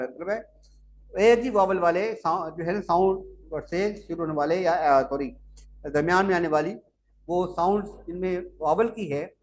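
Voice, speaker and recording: A man's voice: high voice, a little mellow, slight background noise. A man giving a lecture to teachers, explaining step by step and correcting himself as he goes. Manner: explanatory, repeats steps, corrects himself with "sorry". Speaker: teacher trainer.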